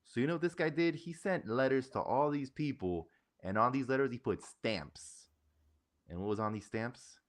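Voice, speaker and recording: A man's voice: mid-range voice, moderate pace. A man co-hosting a casual livestream podcast, agreeing readily and telling stories with animation. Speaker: podcast co-host.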